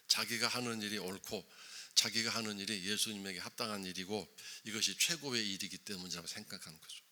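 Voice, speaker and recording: A man's voice: on the low side, bright, forceful tone. A man preaching a dawn sermon in a church, asking the congregation emphatic rhetorical questions. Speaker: pastor. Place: church, early morning service.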